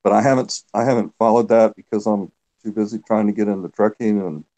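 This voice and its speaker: A man with a low, mellow voice speaks as a guest on a video call. He explains things plainly, now and then restarting a phrase. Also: steady tone, brisk, poor audio. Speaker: guest, former geologist.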